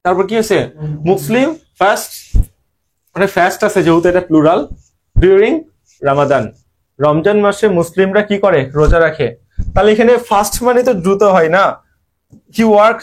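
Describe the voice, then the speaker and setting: Using rhetorical questions to drill his students, a young man with a Bangladeshi Bengali accent and a high-sitting voice leads an online admission-prep lesson on English grammar.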